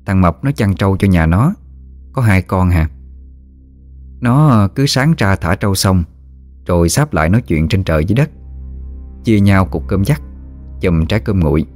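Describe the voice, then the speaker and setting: Guy telling a ghost story, folksy, easygoing, soft music behind. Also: sits low, lively intonation, moderate pace, pauses often.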